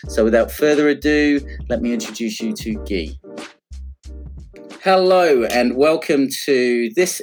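A man hosting an interview podcast, his voice sitting at an ordinary middle pitch. He talks in a friendly, self-deprecating way and often starts sentences over. Faint music plays quietly behind him. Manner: friendly, self-deprecating, with frequent restarts and fillers. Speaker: podcast host.

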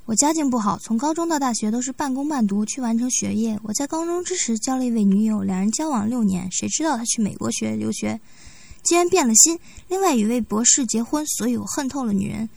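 A woman voicing a calm scheming young man. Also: on the high side, fast, creaky.

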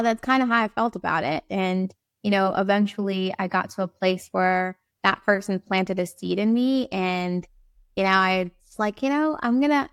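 Woman guest from Barbados, slightly gravelly, dry close sound, upbeat and chatty. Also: medium pitch, dry recording. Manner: chatty, many fillers, upbeat. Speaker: guest, time management coach. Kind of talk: casual interview talk.

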